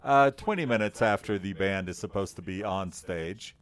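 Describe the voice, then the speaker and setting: A man's voice: sits low, expressive, no room sound. A man co-hosting a casual chat podcast, telling a story with many fillers and frequent laughter. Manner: laughs often, halting with fillers. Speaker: podcast co-host.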